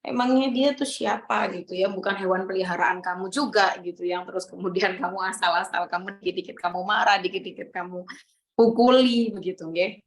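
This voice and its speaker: A young woman with a Javanese accent teaching a Ramadan religious study, relaxed and storytelling, slipping into Javanese asides. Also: medium pitch, a little fast.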